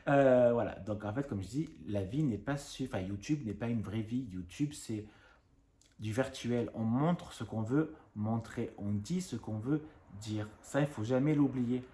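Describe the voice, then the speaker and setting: A man in his thirties from France, a YouTuber ranting casually and talking fast, rambling with many fillers. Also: mid-range voice, mellow, reverberant. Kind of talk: casual vlog rant.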